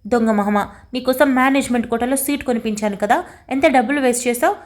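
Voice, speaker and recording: A woman's voice: a little high, fast talker, natural voice. A woman voicing a scolding, fond older sister.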